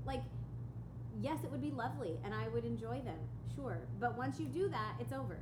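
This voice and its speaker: A woman in her thirties, a salon business coach, talking casually on a podcast and acting out old conversations. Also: fairly quick. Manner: chatty, animated, acts out past conversations in a higher voice. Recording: roomy with loud background noise.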